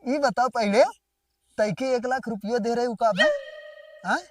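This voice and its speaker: A man's voice: extremely high pitch, unhurried, recorded from a distance, slight background noise. A man with an Awadhi accent, scolding and threatening his wife in a rustic village comedy sketch. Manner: blustering, scolding.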